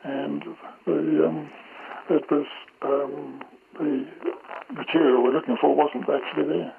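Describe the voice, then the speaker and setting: A man speaks through a voice-disguising filter on a phone call, his tone gravelly and rough. He talks haltingly, restarting sentences and filling pauses. The line is thin and tinny, with a clear hiss of noise behind him. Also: on the high side, fairly even intonation. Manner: halting, with many fillers and restarts. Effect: voice disguised by an altering filter. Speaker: former intelligence officer on the phone. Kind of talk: phone interview.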